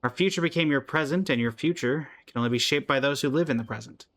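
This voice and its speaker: In a natural, mid-range voice, a man calmly and measuredly reads the lines of an ancient, gentle, regretful woman guardian from a video game. The mood is solemn.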